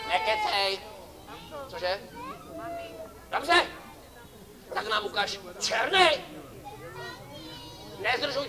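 A man performing as a street clown for children at an outdoor summer festival, joking and teasing volunteers from the audience. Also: sits high. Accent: Czech. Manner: playful, teasing banter with kids and audience. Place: outdoor festival stage before a crowd. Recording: lively crowd behind.

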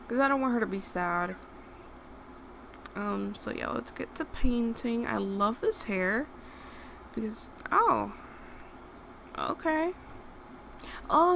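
This gaming YouTuber, a young woman from Puerto Rico, keeps up a chatty running commentary as she plays, addressing the game characters and scolding them with flashes of outrage. Her fairly high voice is a bit bright and has vocal fry. Noise fills her home recording.

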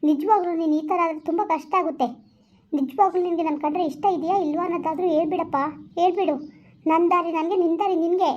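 Skit: woman playing a hurt young girlfriend, very high, fast and reproachful, dull lo-fi sound. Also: fairly even intonation, darkish tone. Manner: reproachful, repeats herself. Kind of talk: village skit phone-call acting.

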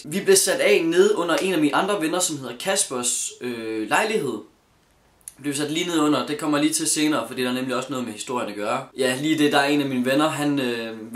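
A man's voice: mid-range voice, fairly bright tone. A young man telling a serious personal story in a casual vlog, earnest and hesitant, with many fillers and restarts. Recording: echoey room.

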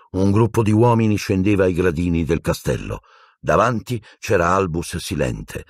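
A man reading an audiobook with expressive storytelling. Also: sits low, no room sound, studio quality. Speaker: audiobook narrator.

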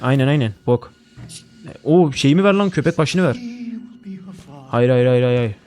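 A young man streaming a horror game, swearing a lot and jumping into loud panicked outbursts. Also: mid-range voice, animated, normal speed. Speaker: gaming streamer. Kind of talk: horror game let's play.

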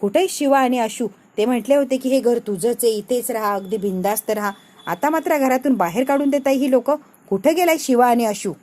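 A woman's voice: a little high, brisk, a little mellow, close to an everyday voice. Scheming, self-pitying young woman, whiny and complaining, read by a woman. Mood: tearful defiance.

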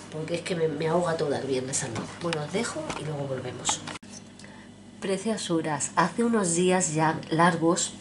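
A woman with a deep, low voice chats to camera at home. She rambles from topic to topic and addresses her viewers fondly. A steady background noise runs under the whole recording. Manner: rambling, chatty, affectionate, addresses viewers directly. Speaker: vlogger. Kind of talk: casual chat to camera.

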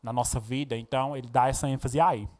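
A man from Pernambuco teaching a recorded Portuguese lesson, explaining punctuation and reading poems aloud with expressive intonation. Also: medium pitch, fast talker. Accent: Brazilian Portuguese, Pernambuco. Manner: explanatory, frequent tag questions, expressive when reading poems.

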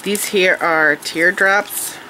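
A woman whose voice is congested and nasal from allergies chats eagerly as she shows off her craft supplies at an indoor tabletop, with an overhead camera on her hands. Her voice is on the low side with fairly even intonation, and she takes it slowly, full of fillers and restarts. Background noise is audible in this casual show-and-tell.

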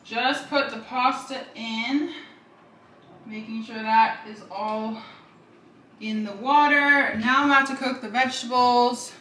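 A woman's voice: on the high side, fairly even intonation, takes it slowly, bright, forceful tone. A young woman casually narrating a cook-along in her home kitchen, chatty and thinking aloud as she goes. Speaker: cooking vlogger. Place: home kitchen with sizzling pan. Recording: echoey kitchen, faint noise.

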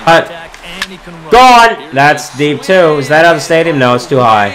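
A man giving excitable gameplay commentary, calling home runs like a sportscaster as he plays. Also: on the high side, a little slow, rough recording. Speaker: gaming video creator.

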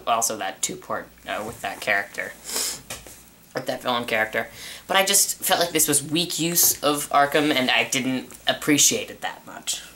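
Bright-voiced young guy reviewing a show. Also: medium pitch, a little hiss or hum. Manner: rambling, repeats himself with many restarts and uh fillers. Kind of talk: casual spoken review.

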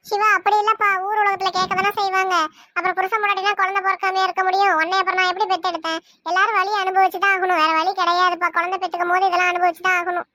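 A woman's voice: extremely high pitch, little pitch movement, very fast, sharp tone, dry recording, studio quality. A woman voicing a caring, firm grandmother in a cartoon, reassuring and sometimes scolding, with a Kanyakumari Tamil accent. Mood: soothing. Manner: reassuring, scolding when needed.

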